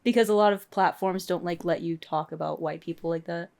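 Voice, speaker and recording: A woman's voice: fairly low pitch, fairly even intonation, fairly quick, vocal fry, darkish tone. A woman co-hosting a casual podcast, blunt and argumentative with some swearing. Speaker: podcast co-host. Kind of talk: casual chat.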